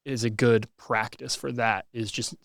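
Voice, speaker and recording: Man, mid pitch, podcast host, thinking aloud, self-deprecating, dry close sound. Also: flat delivery, a little slow, gravelly, fairly bright tone, no echo. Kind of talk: casual reflective conversation.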